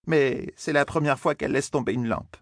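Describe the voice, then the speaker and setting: A man's voice: mid-range voice, moderate pace, dry recording, clean studio sound, voice pushed up, natural voice. A man putting on a flustered clucking innkeeper woman. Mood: bustling. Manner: scolding, clucking like a flustered mother hen. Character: fussy bustling middle-aged female innkeeper. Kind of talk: audiobook character voice.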